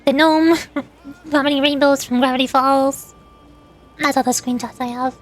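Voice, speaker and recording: With faint music behind her, a young woman on stream talks casually to viewers, wandering off topic over old screenshots and reading the chat aloud. Her high-pitched voice stays steady at a normal speed.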